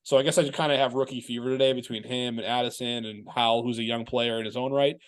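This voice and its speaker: A man hosting a casual sports podcast talks at a rapid pace, his voice sitting in a middle register. He is from Massachusetts and chats loosely, often restarting his sentences. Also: medium pitch, fairly even intonation, clean tone. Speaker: podcast host.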